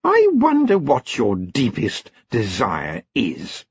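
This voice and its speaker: A man voicing a husky, menacing elf queen. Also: medium pitch, wildly swooping pitch, heavily acted. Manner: slow, insinuating and menacing. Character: cold, seductive female elf queen. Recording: slightly dull, muffled recording.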